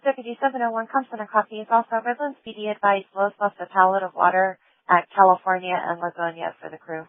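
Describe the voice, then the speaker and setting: A woman dispatcher answers units over a police radio, her voice squeezed thin and tinny by the channel. She fires off clipped call signs at a very fast clip. Her pitch sits mid-range. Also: steady tone, no echo. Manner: rapid, clipped dispatch calls. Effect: police radio transmission. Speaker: emergency dispatcher. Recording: tinny, narrow radio audio.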